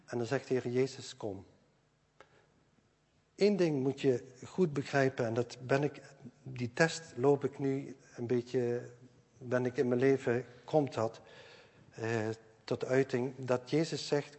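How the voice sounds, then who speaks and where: Older male preacher, husky voice, earnest and repetitive, long hall reverb. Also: medium pitch, takes it slowly. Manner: earnest, repeats key phrases, swings between loud stresses and quiet asides. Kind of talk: sermon.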